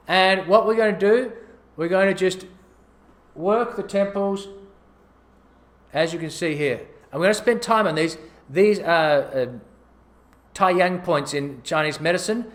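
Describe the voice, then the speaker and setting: Casual male instructor, higher pitch, easygoing, counts out each stroke while demonstrating. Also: fairly bright tone. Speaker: gua sha instructor.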